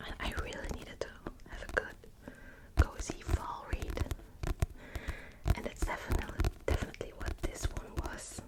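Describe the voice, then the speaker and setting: On her ASMR book channel, a young woman from Belgium whispers softly, hesitating often and using plenty of small fillers, with a Dutch accent. Her pace is normal, and the recording is rough.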